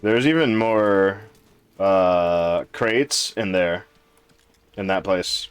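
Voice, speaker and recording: A man's voice: sits low, extremely slow, smooth. A man giving casual commentary as he plays a game on stream.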